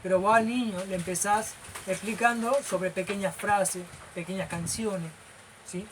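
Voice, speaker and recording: A man's voice: sits high, a little slow, noisy background. Man lecturing with a Rioplatense accent. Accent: Rioplatense Spanish. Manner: explanatory, constantly checking in with the listener; animated and gestural. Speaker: teacher. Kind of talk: informal lecture.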